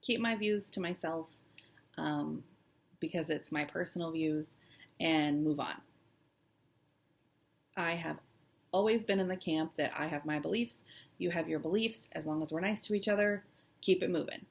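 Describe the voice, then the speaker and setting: A woman vlogger chatting casually and personally, halting and hesitant with long pauses, sounding shaky and close to tears. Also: sits low, vocal fry, husky. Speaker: cross-stitch vlog host. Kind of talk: casual personal chat to camera.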